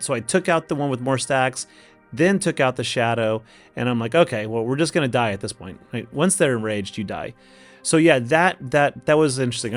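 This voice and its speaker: Oklahoma guy w okie accent talking thru game strategy, casual and folksy, music in the background. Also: medium pitch. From Oklahoma, United States. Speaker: gaming video host.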